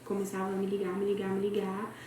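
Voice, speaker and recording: Brazilian woman storyteller, chatty and dramatic, warm low-key tone, recorded at a distance in a roomy space. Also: monotone, fast. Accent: Brazilian Portuguese. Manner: chatty, dramatic, talks straight to friends. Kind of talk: casual gossip storytelling. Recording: very echoey room, far from mic, faint noise.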